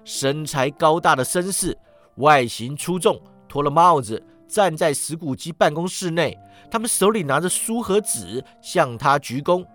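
A man reading a storybook aloud as a storyteller, animated and dropping in many interjections. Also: fairly high pitch, unhurried, soft background music.

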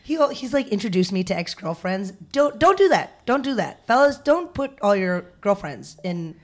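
A woman comedian chatting as a podcast guest, telling lively stories and acting out the voices of people she quotes. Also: medium pitch, normal speed. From Indian heritage. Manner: animated storyteller who acts out quoted voices. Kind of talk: casual podcast chat.

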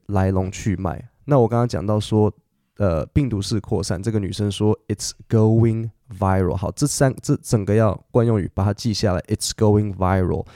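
A man's voice: fairly low pitch, creaky, mellow, no echo, studio quality. A middle-aged man, hosting a podcast English lesson and explaining patiently with fillers and self-corrections. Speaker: English teacher and podcast host.

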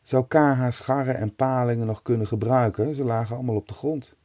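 A man voicing a plucky, excitable boy with a raised, loud voice in a storybook reading. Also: mid-range voice, brisk, no room sound, natural voice. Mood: worried.

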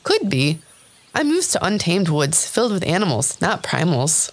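A man's voice: high voice, very animated, moderate pace, voice pushed up, heavily acted. A man voicing an earnest young woman adventurer in a fantasy audiobook. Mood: uneasy.

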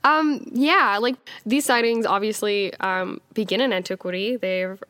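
A woman co-hosting a casual podcast, getting over a chest cold, with a slight smoker's rasp and a nasal sound. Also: mid-range voice, measured pace, a bit bright, no room sound. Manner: informal, conversational. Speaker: podcast co-host. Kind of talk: casual chat.

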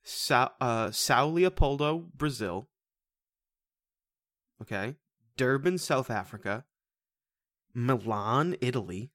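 A man hosting a casual movie podcast, joking around with goofy, animated bursts. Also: medium pitch, slow pace, long pauses, no room sound, studio quality. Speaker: podcast host.

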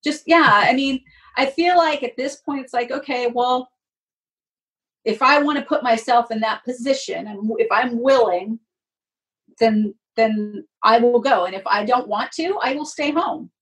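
Speaking at a measured pace with a fairly high pitch, this sports announcer is a guest in a relaxed interview. She talks candidly and with emphasis, though the recording places her far from the microphone.

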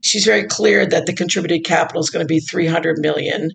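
A woman investor, formerly a chief investment officer, speaking in an interview with measured, deliberate explanations. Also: lowish voice, gravelly, low-quality recording. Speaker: investor, former endowment CIO. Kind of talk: interview conversation.

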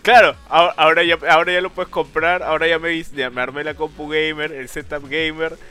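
A man talks in a loose, rambling way, full of fillers and jokes at his own expense. His voice has a crisp, forward brightness. Soft music sits under the talk. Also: fairly high pitch, level tone, brisk. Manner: rambling, self-mocking, lots of fillers. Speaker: podcast co-host. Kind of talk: casual chat.

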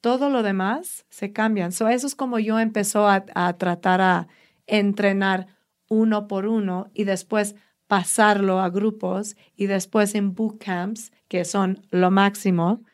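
A woman's voice: medium pitch, unhurried. A woman fitness trainer telling stories with enthusiasm in a casual interview. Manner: enthusiastic, animated storyteller.

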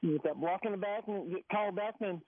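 Male caller with a muffled, fishbowl-like phone sound; high, animated, chatty and laughing, dry line. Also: fast, no room sound. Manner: chatty, often breaks into laughter. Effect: muffled phone line, like talking inside a fishbowl. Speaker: caller to a sports radio show. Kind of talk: casual chat.

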